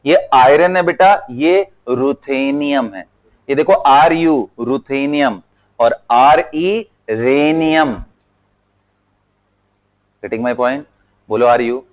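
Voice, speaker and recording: A man teaching a chemistry lesson, slowly drilling element names and repeating them so students can follow, mixing in English terms. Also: mid-range voice. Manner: mixes Hindi with English terms, calls students beta. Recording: tinny phone-like audio.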